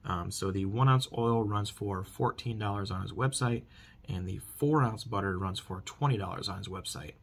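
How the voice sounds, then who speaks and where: A man in his thirties reviews a product casually to camera from a small furnished bedroom, holding the recording at about arm's length. He's the channel host, and he keeps repeating emphatic stock phrases in a lowish, slightly rough voice with vocal fry at a moderate pace.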